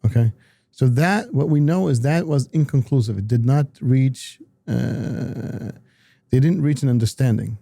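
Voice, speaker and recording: A man talking politics as an analyst in a casual discussion, halting often with repeated words and restarts. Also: medium pitch, creaky, warm tone, dry recording, studio quality.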